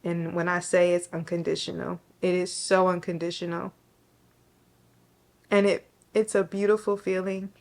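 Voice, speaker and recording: A young woman giving an emotional faith testimony to camera, tearful and halting, often restarting her sentences. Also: fairly low pitch, flat delivery, gravelly. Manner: halting, with restarts and soft pauses.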